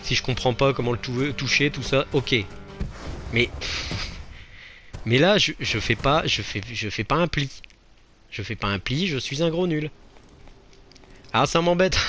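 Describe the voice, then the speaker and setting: A man's voice: medium pitch, unhurried, pauses often, a bit bright, slight background noise. A man giving casual let's play commentary, mocking himself and exclaiming at each failed attempt. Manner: self-mocking, exclaims and laughs at his own failures. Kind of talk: gameplay commentary.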